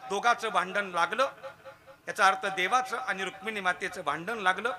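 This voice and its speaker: A man's voice: high voice, normal speed. A man telling a devotional kirtan story and acting out the figures' dialogue with frequent laughter. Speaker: kirtan preacher.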